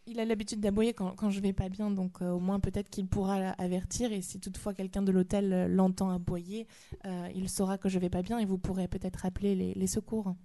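A woman's voice: medium pitch, little pitch movement, a little fast, warm tone. Hesitant woman on a prank call. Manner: hesitant on the call, bursts of laughter-laden chatter after. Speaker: prank caller on a radio show. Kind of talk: prank phone call and studio banter.

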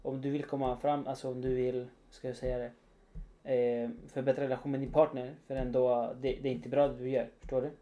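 A man's voice: mid-range voice, flat delivery, mellow. A man hosting a casual podcast chat, asking probing questions and joking with casual swearing. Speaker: podcast host.

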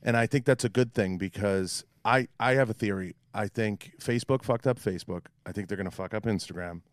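A man with a Boston accent chats candidly in an interview. His voice is fairly low and clean, recorded dry. He is wordy and casual, repeating himself for emphasis. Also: a little fast, dry recording. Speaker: podcast interviewer. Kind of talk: casual interview chat with swearing.

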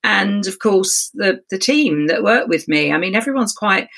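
Croaky, hoarse middle-aged woman. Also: medium pitch, animated, moderate pace, fairly bright tone. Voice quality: croaky, frog-in-the-throat voice. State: hoarse after illness. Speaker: podcast guest. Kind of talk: casual chat.

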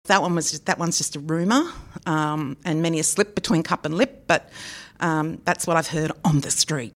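Chatty woman, low voice. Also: normal speed. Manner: chatty, upbeat gossip about local news. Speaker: local news podcast co-host. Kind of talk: casual chat.

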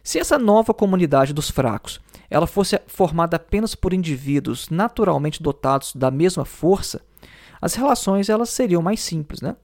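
A man's voice: a little high, lively intonation, normal speed, a little mellow. A man explaining philosophy in a lecture, thinking aloud with many fillers and tag questions. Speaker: teacher.

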